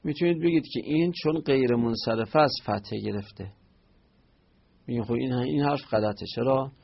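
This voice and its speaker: Man, teacher, gravelly husky voice, explains point by point, asks and answers himself, dull lo-fi sound. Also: mid-range voice. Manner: explains step by step, poses and answers questions. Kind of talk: Arabic grammar lesson on Quranic verses.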